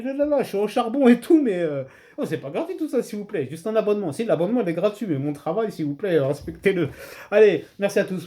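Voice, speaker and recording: A middle-aged man of Comorian heritage casually telling a story to his channel's viewers, swinging between low asides and high excited exclamations. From Comorian heritage, France. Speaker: channel host.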